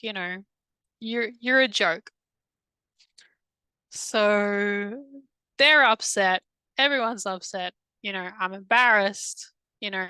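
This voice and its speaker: A woman recounting a past-life regression under hypnosis, halting and hesitant, with many restarts, in a soft, subdued voice. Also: mid-range voice, clear, resonant tone, no echo, low-quality recording. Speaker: hypnosis client.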